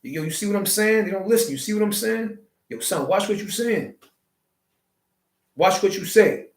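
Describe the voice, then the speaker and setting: A man's voice: high-pitched, normal speed, gravelly, voice pushed up. A man voicing an offhand young man who repeats a slangy street saying over and over. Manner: casual slangy repetition. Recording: roomy echo.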